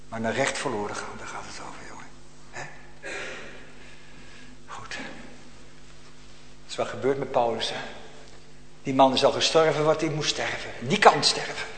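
A man preaching a sermon, swinging between loud emphatic calls and quiet, almost whispered asides. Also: medium pitch, measured pace, pauses often, slight background noise. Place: church. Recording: echoey church hall.

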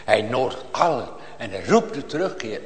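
A man preaching a sermon to his congregation, swinging from hushed appeals to loud, impassioned calls. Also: medium pitch, big pitch swings, moderate pace. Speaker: pastor. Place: church. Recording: long reverb of a church hall.

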